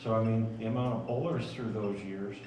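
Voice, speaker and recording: A man chatting casually and haltingly, often repeating himself as he recounts things. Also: on the low side, fairly even intonation. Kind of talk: casual chat. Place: large indoor bowling alley. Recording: echoey room, distant mic, noisy.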